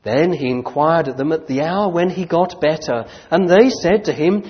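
A man preaching a sermon into a pulpit microphone, earnest and deliberate, reading scripture and growing fervent. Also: on the high side. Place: church sanctuary. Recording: dull church recording with long hall reverb.

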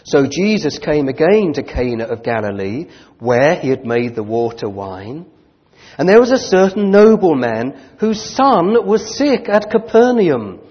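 Slow earnest preacher at a pulpit microphone. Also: male voice, fairly high pitch, big pitch swings. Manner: earnest and deliberate, growing fervent. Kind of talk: sermon with Bible reading. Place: church sanctuary. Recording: dull church recording with long hall reverb.

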